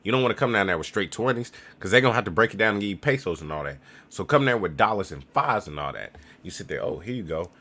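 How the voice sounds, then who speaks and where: Animated slangy young man vlogging. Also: on the low side, fast, few pauses. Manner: slangy, animated, acts out other people's lines. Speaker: travel vlogger. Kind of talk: casual tips vlog.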